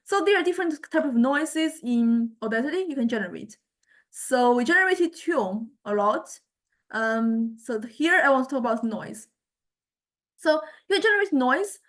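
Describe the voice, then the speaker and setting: Her voice a bit on the high side, a woman lecturing through an informal software demo explains in fits and starts. She seems to think as she talks, searching for the right phrasing.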